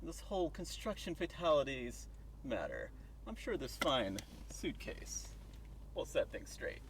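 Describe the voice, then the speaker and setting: An actor playing a pompous, boastful, snobbish rich tycoon in a video game. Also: male voice, mid-range voice, big pitch swings, measured pace, a little hiss or hum. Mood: smug. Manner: pompous, posh, boastful rich-guy delivery. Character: pompous, snobbish rich tycoon Maximilian, self-satisfied and callous. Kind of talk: video game character acting.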